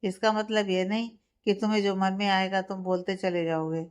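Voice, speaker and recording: A woman's voice: medium pitch, flat delivery, moderate pace, clean tone, close to an everyday voice. Woman doing an indignant young wife. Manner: defiant, indignant. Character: young wife and mother, defensive, proud.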